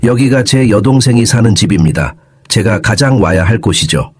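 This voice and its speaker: Husky, low, gentle older brother, audio story, man reading. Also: expressive, moderate pace, no room sound, studio quality. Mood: tender. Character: grieving young man, gentle elder brother.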